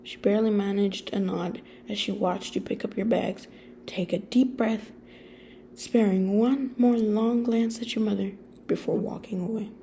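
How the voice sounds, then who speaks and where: A young woman reading a fan story aloud, soft-spoken and prone to rambling when she speaks off script. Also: mid-range voice, fairly even intonation, unhurried, gravelly, a little hiss or hum. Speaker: story reader. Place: friend's office.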